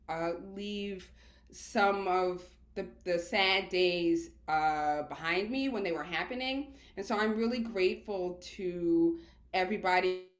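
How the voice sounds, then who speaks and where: A woman, talking casually and chattily as a guest in an interview. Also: lowish voice. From Queens, New York, United States. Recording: roomy, echoey sound.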